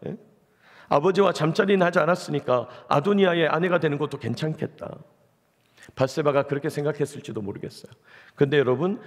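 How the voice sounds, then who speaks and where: A fairly high-voiced man delivers a sermon in a church hall with a long reverb trailing his words. He keeps turning to his listeners with rhetorical questions as he explains the scripture. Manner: addresses the congregation with rhetorical questions. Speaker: pastor.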